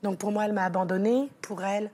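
Speaking fast in a dark, medium-pitched voice with fairly even intonation, a woman from France tells an emotional personal story as a guest in a TV studio interview. Her telling rambles, with fillers and restarts throughout.

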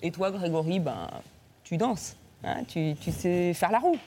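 A woman's voice: fairly low pitch, moderate pace, a little mellow. A woman doing a playful comic column on a TV talk show, joking with the guests and breaking into bits of song and silly voices. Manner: playful, bursts into sung lines and silly voices. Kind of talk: comic sketch with snatches of song. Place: TV studio.

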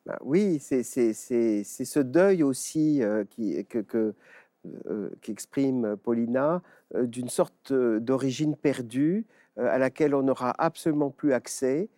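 A man author speaking reflectively on a TV talk show, halting with many fillers. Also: mid-range voice, mellow, dry recording, clean studio sound. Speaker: author guest. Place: TV studio.

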